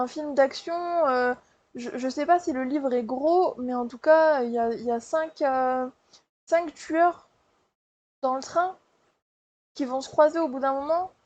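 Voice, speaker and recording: Book vlogger, woman, high voice, chatty and hesitant, casual wrap-up feel, slightly dull recording. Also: darkish tone. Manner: chatty, hesitant, many fillers and restarts. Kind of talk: casual monthly reading wrap-up.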